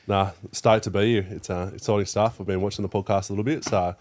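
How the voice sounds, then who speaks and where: An Australian man in his thirties, a youth worker, chats as a guest on a podcast interview. His lowish, darkish voice moves fast with fairly even intonation, and he's laid-back, using lots of fillers and casual swearing.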